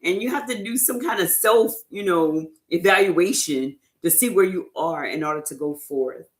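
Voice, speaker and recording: A woman's voice: fairly low pitch, moderate pace. A woman giving an informal faith talk as an inspirational speaker, speaking in a conversational, emphatic way with frequent "you know" asides. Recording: roomy echo.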